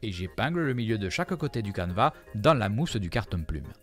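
A man narrating a crafting tutorial voice-over in a put-on southern French accent, explaining each step calmly. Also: fairly low pitch, brisk, soft background music, pitched below the performer's own voice. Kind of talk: instructional voice-over.

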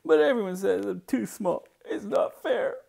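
A man voicing an excited, tearful small boy in a high squeaky voice. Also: fast, gravelly, heavily acted. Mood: sulky.

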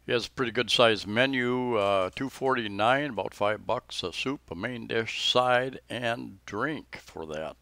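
A man's voice: mid-range voice, measured pace, vocal fry, few pauses, pushed and bright, dry recording. A man narrating a casual restaurant tour in an easygoing, hesitant way with many fillers, holding the camera. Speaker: vlogger touring a restaurant. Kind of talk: casual vlog narration and chat. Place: restaurant in the Philippines.

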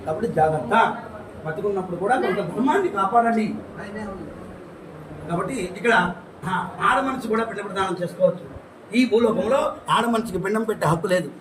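A man, a priest, telling a religious story lively, with rhetorical questions and long lists. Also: high voice, background noise. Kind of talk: storytelling talk.

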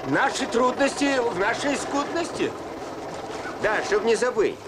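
A man's voice: very high-pitched, big pitch swings, a little slow, full character voice. An actor playing a chatty older construction foreman full of excuses in a Soviet film. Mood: eager, complaining. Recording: old film sound, loud machinery noise.

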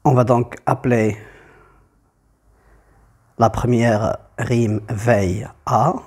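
A man's voice: medium pitch, darkish tone, breathy edge. A man teaching a poetry lesson, explaining step by step and repeating key terms.

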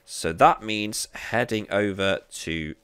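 A man's voice: fairly low pitch, slow pace, fairly bright tone, clean tone, dry recording. A man hosting a gameplay video, chatting playfully and thinking aloud as he plays. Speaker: let's play host.

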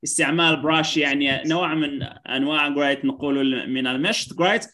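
Online English teacher, man, high bright voice, unhurried, leans on "great" and "right?". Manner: keeps saying "great" and "right?", switches between English and Arabic.

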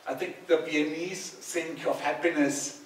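A man, giving a relaxed, conversational talk and taking audience questions over a headset mic in a large hall. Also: on the high side, a little slow, recorded from a distance, slight background noise. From Austria. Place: large bright hall with hard walls, indoors. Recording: echoey hall, speaker a bit off-mic.

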